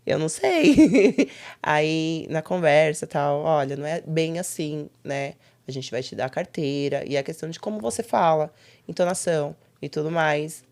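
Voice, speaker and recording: Interview guest: young adult woman, lower register, animated conversational storyteller. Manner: animated storytelling with quick quoted asides.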